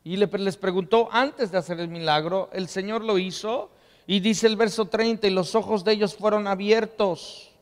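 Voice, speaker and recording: A man's voice: high voice, steady tone, normal speed. A man preaching a sermon to his congregation, reading scripture aloud and asking them to repeat phrases after him. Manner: call-and-response preaching, asks congregation to repeat. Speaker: pastor. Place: church hall. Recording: long reverb in a church hall.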